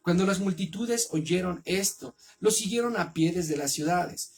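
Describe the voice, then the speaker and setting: A man with a Mexican accent reading the Bible aloud and then preaching on it in an earnest, measured way. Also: high voice, husky, soft background music.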